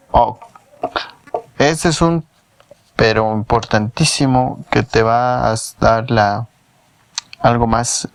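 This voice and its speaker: A man's voice: mid-range voice, gravelly, no echo. A man with a Mexican Spanish accent gives a patient whiteboard language lesson, repeating words syllable by syllable. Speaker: language teacher. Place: home in a shared housing block.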